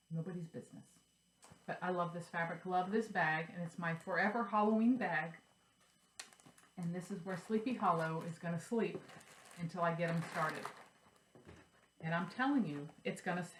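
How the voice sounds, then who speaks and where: A woman's voice: mid-range voice, fairly bright tone, slight background noise. A middle-aged woman vlogging about cross-stitch in a chatty, rambling way, repeating herself as she talks. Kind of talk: casual show-and-tell chat. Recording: roomy sound from a distance.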